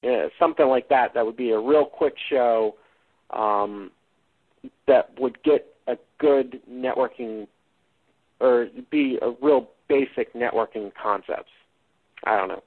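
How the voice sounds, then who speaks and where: A man hosting a casual podcast, rambling and thinking aloud in a halting way, recorded on a cheap, lo-fi microphone. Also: mid-range voice, breathy edge. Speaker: podcast host. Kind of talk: casual unscripted podcast discussion.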